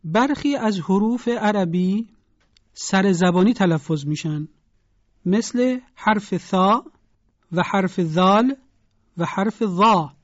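A Quran pronunciation teacher giving a broadcast lesson, spelling out sounds slowly and deliberately for listeners to repeat. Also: medium pitch, no room sound, dull audio.

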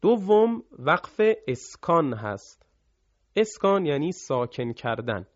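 A man teaching Quran recitation rules, explaining quickly between slow, chanted examples for students to repeat. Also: medium pitch, dry recording. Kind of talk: recorded tajwid lesson with recited examples. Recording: dull lo-fi sound.

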